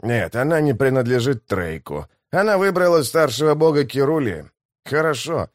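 A man voicing a brooding male swordsman who mutters in a low, wry voice. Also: very animated, moderate pace, no room sound, studio quality, natural voice.

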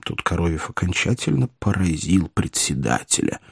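Male audiobook narrator, middle pitch, very animated delivery, dry close sound. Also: moderate pace, gravelly, husky, dry recording. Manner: expressive, lively storytelling. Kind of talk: audiobook reading.

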